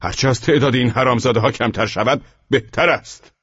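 A man's voice: medium pitch, a bit bright, husky, no room sound, lo-fi sound. A man playing a cruel sneering guard. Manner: contemptuous, menacing. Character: cruel sneering male prison-camp guard.

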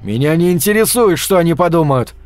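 A man reading an audiobook, voicing a fearful, stubborn young man who speaks in a low, tense voice. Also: moderate pace, dry recording, faint music behind, close to an everyday voice.

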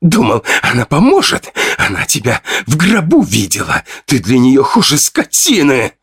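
A man voicing a vicious teenage boy bully with a hoarse, spitting snarl. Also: fairly high pitch, big pitch swings, unhurried, fairly bright tone, pitched above the performer's own voice, exaggerated voice. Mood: snarling, taunting.

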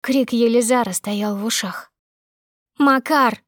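With a steady, darkish tone in a middle register, a woman narrates a dramatic first-person audiobook at a moderate pace, her delivery tense and emotional. The audio is close and dry, with no echo.

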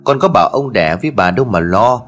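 A man's voice: fairly low pitch, animated, quick pace, fairly bright tone. A man doing a sly, fawning servant. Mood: wheedling. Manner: wheedling, deferential.

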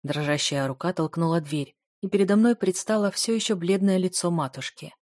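A woman's voice: lowish voice, brisk, darkish tone, no room sound, clean studio sound. A woman reading a novel aloud as an audiobook narrator, telling a young man's story in the first person and voicing the dialogue.

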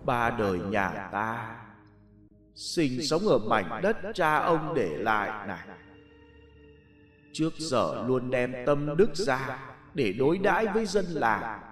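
Man playing a soft-spoken old ghost, low, slow and quiet, soothing. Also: big pitch swings, roomy sound, in a large hall, over music. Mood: consoling. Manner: hushed, slow, consoling. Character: calm ghost of an old husband from beyond.

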